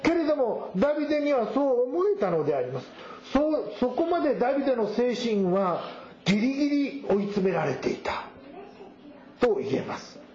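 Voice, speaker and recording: A man with a high voice preaches a sermon, reading scripture aloud and then explaining it. The sound is roomy and slightly dull. A faint ambience sits behind him. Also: sing-song, normal speed, a little mellow. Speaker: pastor.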